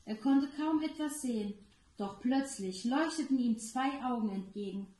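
A daycare educator, a woman, reading a children's story aloud slowly and clearly. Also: a little high, warm tone. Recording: roomy echo.

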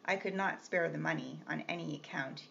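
A woman librarian reading a novel aloud in a measured, plain narration. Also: sits low, creaky, fairly bright tone. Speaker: reference librarian. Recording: slightly muffled with faint hiss.

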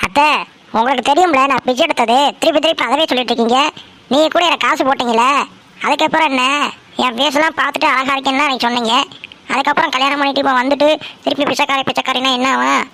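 A cheeky young daughter-in-law, played by a woman in a homemade cartoon, talks back in a high voice and argues at length. She pads everything with whiny excuses and a defiant edge. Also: fairly even intonation, quick pace, pushed and bright.

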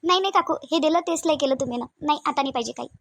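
A woman's voice: high voice, rapid-fire, dry recording. A woman voicing a lonely young new mother in a Varhadi Marathi accent, speaking in a hesitant, plaintive way in a cartoon. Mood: sad. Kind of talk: cartoon voice acting.

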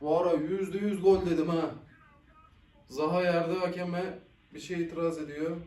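A young man hosting a casual football reaction video, excitable and quick to swear and groan at the play. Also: fairly high pitch, recorded from a distance. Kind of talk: casual live match reaction. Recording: echoey room, voice a bit off-mic.

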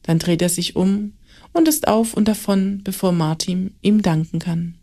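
A woman narrating a children's short story in a calm, measured reading voice. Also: mid-range voice.

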